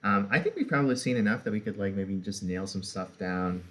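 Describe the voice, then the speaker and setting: Low-voiced man in casual chat. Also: fairly quick, a little hiss or hum. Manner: relaxed, filler-heavy, lots of "like" and "um". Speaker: co-host discussing personality typing.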